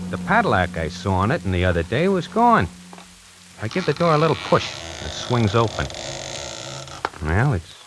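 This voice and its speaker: This fairly low-pitched male actor, heard through poor audio, voices a brash, fast-talking salesman who narrates his own tale as lead of a 1940s radio drama. He sounds wisecracking and conversational over a musical score.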